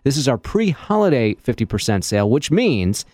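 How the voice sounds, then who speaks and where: A man's voice: medium pitch, very animated, moderate pace, a little mellow, dry recording, studio quality. A man hosting a morning radio show, chatting and teasing his guest in upbeat banter. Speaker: radio host.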